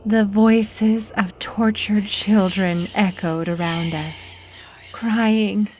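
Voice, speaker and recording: A woman narrating a horror story in a slow, theatrical, ominous manner. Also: medium pitch, fairly even intonation, a little mellow, soft background music.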